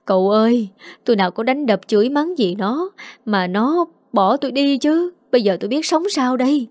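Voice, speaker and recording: A woman doing a shrill wailing village mother. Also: lively intonation, moderate pace, darkish tone, no echo, studio quality, lightly acted. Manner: wailing, accusing.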